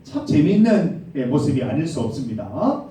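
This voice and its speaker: A man's voice: fairly high pitch, big pitch swings, normal speed, dark tone, slight background noise. A man preaching a sermon as youth pastor, often putting questions to his listeners. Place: church sanctuary. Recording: very echoey hall, mic far off.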